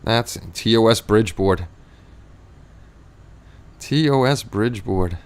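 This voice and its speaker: Middle-aged man, clear Queens New York accent. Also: fairly low pitch, slow. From Queens, New York City, USA. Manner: rambling, repeats his phrases. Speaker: livestream host. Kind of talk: casual chat, reading and answering live chat.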